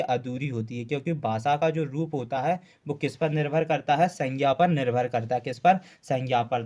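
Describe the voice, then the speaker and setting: A male Hindi grammar teacher lectures a classroom of exam students, asking questions and answering them himself, repeating key terms and saying "uh" often. His voice is a little high with a darkish tone.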